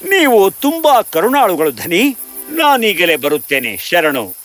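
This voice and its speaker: A man's voice: sits high, huge pitch swings, unhurried, music in the background, pitched above the performer's own voice, exaggerated voice. A man voicing a humble, poor young male painter in a cartoon story, polite and deferential.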